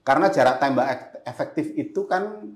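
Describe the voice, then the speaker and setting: Guesting on a podcast, a man tells stories from his career as a photojournalist, performing his own past words as he goes. He speaks a little fast at medium pitch with lively intonation; the podcast mic picks up a roomy echo.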